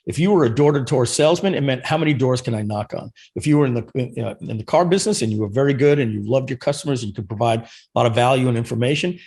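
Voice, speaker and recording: A man's voice: mid-range voice, very fast, hardly any pauses, darkish tone. A man as a podcast guest, earnestly explaining sales and marketing in casual chat. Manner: earnest explaining, many restarts and fillers.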